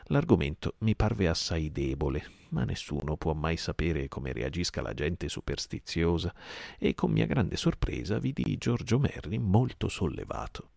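A man giving a calm, measured audiobook narration meant for sleep. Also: low voice, vocal fry, no echo, clean studio sound. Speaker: audiobook reader.

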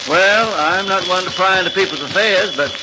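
Man playing a higher-voiced, folksy elderly doctor. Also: moderate pace, close to an everyday voice. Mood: inquisitive, modest. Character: elderly country doctor, male, genial and inquisitive. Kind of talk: 1940s radio drama acting. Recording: noisy, muffled 1940s radio recording.

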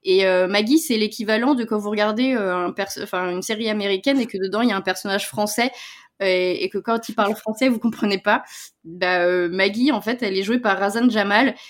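A woman's voice: mid-range voice, a little fast. Woman, podcast co-host, casual series chat, hesitant fillers, restarts. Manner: chatty, many fillers and restarts.

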